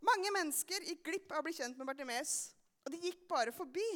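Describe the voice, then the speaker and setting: A young woman telling a Bible story to a church congregation and asking them questions often. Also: high-pitched. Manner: animated, asks the audience questions often. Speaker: children's sermon leader. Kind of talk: lively storytelling sermon for a congregation.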